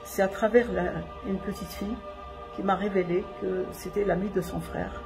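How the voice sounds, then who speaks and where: An older woman giving personal testimony as an association founder, in deliberate phrases with pauses. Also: mid-range voice, fairly even intonation, music in the background.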